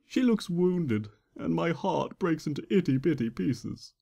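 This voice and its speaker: In a reverberant room with a long echo, a man performs a first-person fan fiction story dramatically, playing the theatrical trickster. His voice is fairly high, creaky and mellow, with lively intonation and a measured pace. The highs are cut off.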